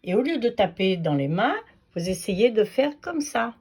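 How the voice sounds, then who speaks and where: A woman's voice: mid-range voice, big pitch swings, normal speed, darkish tone, breathy edge. A woman teaching a patient, sing-song phonics lesson to young children.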